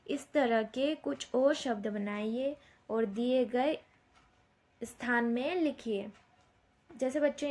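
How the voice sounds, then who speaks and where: A woman teacher, slowly dictating answers word by word to young schoolchildren, repeating each question. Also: sits high, darkish tone. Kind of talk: slow dictated Hindi lesson for young children.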